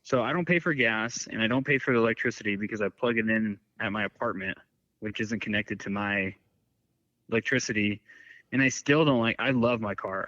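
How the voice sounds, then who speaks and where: Here a man with a somewhat low, slightly bright voice chats casually on a podcast as a guest. His storytelling wanders and leans heavily on filler words. The recording is dry, dull and lo-fi.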